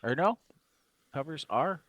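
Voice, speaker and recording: A man's voice: a little high, expressive, a little slow, a bit bright, no room sound. A man co-hosting a comics podcast in casual chat, rambling with many restarts and fillers. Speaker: podcast co-host.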